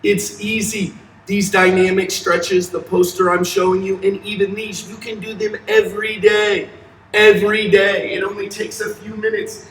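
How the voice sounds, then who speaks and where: A young male elementary PE teacher with a high-pitched voice leads a fitness demonstration for children, upbeat and encouraging with simple short directions. His pitch moves little, his speed is normal and his tone fairly bright. Filmed a few steps away in a large, empty indoor school gym, the audio is echoey and distant with a little hiss or hum.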